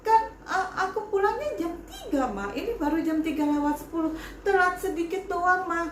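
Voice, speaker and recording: Woman voicing a timid young eel child, storybook, pleading, whimpering, very high, echoey room. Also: animated, moderate pace, recorded from a distance, a little hiss or hum.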